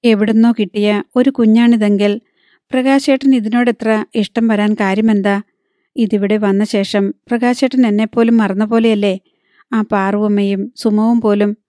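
Narrator doing a distressed young wife full of doubt, mellow tone, dry storybook sound. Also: female voice, medium pitch, steady tone, measured pace, no echo, close to an everyday voice. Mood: doubting, anguished.

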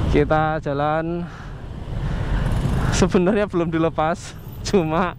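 A young man, chatting casually to viewers as he rides a motorcycle through heavy traffic. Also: a little high. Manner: chatty, addresses viewers warmly as friends. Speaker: motovlogger. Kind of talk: casual narration while riding. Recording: faint traffic noise behind.

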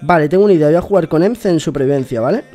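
A young man, chatting excitedly to viewers while opening game rewards. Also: a little high, very fast, faint music behind. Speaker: gaming YouTuber. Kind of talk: casual gameplay commentary.

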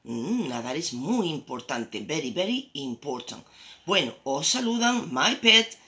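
A young woman teacher, telling a story slowly to small children, switching between two languages and repeating words. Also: low voice. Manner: slow, animated, sing-song reading with repetitions.

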